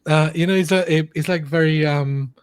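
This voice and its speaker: A man's voice: fairly high pitch, fairly even intonation, normal speed, clean tone, dry recording. A man from Spain, hosting an interview over a video call in a friendly, hesitant way, full of "like" and "um". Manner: friendly, hesitant, many fillers like "like" and "um". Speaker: podcast host.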